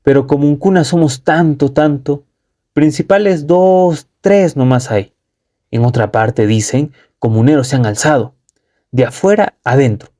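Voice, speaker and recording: A man's voice: a little high, unhurried, warm tone, voice pushed up, close to an everyday voice. A man voicing a fiery village rebel who rouses his fellow villagers. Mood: rousing. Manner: defiant, rousing.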